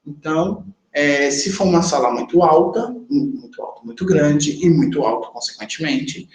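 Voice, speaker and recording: A man's voice: fairly high pitch, animated, normal speed. A Brazilian Portuguese-speaking man teaching a class on sign language interpreting in a conversational lecture style, talking straight to his students and checking in with them. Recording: echoey classroom with faint ambience.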